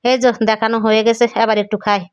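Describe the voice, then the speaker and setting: A young woman from Bangladesh chatting homely through a cooking voice-over, her voice a little hoarse. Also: a little high, flat delivery, racing, no echo. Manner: chatty, homely, describing each step. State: voice keeps going hoarse. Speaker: cooking vlogger. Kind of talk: recorded voice-over for a cooking vlog.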